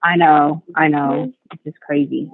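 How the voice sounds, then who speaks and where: A woman's voice: deep voice, little pitch movement, measured pace, dry recording. An incarcerated woman talking casually on a prison phone, rambling through her day in a chatty way. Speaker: incarcerated caller. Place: jail housing unit. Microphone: jail phone or tablet. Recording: tinny prison phone line.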